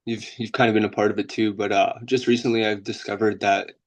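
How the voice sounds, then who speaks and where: Talking fast in a fairly low, flat voice, a young man from Bosnia appears as a guest trader in a relaxed interview by video call. He wanders through his points, frequently tacking on "right?" and "you know what I mean."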